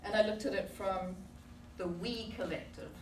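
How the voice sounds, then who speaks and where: A South African woman in her forties, speaking to a club audience in a meeting room, delivers a prepared and reflective speech packed with rhetorical questions. Her mid-range voice is steady and a little mellow, at a normal speed. The recording is echoey, with a distant mic and background noise.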